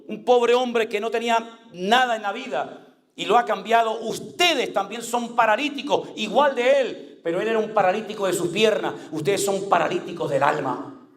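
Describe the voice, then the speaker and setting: A man's voice: sits high, fairly bright tone, reverberant. A male pastor preaching an impassioned sermon, acting out the voices he quotes.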